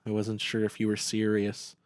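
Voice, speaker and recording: A man's voice: fairly low pitch, monotone, moderate pace, smooth, no echo, clean studio sound. Laid-back ironic male podcaster. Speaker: podcast co-host. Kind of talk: casual comedic chat.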